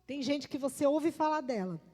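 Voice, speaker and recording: A woman's voice: high voice, lively intonation, normal speed, mellow. A middle-aged woman pastor, preaching emphatically, repeating key words and calling on the congregation. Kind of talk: sermon. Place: church. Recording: long reverb of a church hall.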